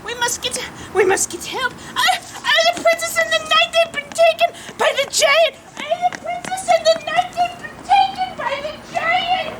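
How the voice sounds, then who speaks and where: A woman's voice: extremely high pitch, slow pace, background noise. An actress playing a frantic, bewildered woman who babbles nursery rhymes in a panicked, rambling way on a live community stage. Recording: distant echoey hall recording.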